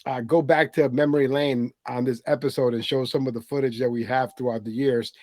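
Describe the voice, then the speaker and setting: A man's voice: mid-range voice, level tone, brisk, darkish tone, dry recording. A man hosting a podcast, asking questions in a casual chat with many fillers and restarts. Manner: hesitant, filler-heavy questioner. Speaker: podcast host.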